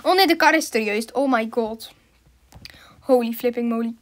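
A woman's voice: fairly high pitch, normal speed. A woman doing chatty, giggly commentary as she plays a video game, mixing in English slang. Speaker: gaming YouTuber.

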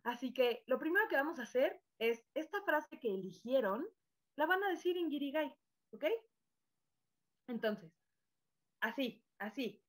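A woman with a Mexican Spanish accent leads an online voice workshop over a video call. Her voice sits high, and she coaches her students with lively, playful encouragement. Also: a little slow, pauses often. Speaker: voice workshop teacher.

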